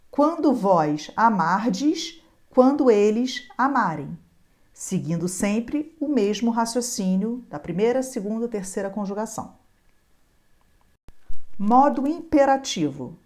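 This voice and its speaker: A woman teaching a grammar lesson, chanting conjugations in slow drills and speaking straight to the viewer. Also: mid-range voice, a little mellow. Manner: addresses the viewer directly, repeating key points. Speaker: Portuguese teacher.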